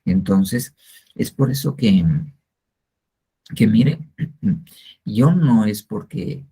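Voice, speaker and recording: In an unseen church class, an older Guatemalan man gives informal sermon-style discipleship teaching. His fairly low voice is mellow and expressive with a breathy edge, and he speaks very slowly, wandering and repeating points with lots of hesitant fillers.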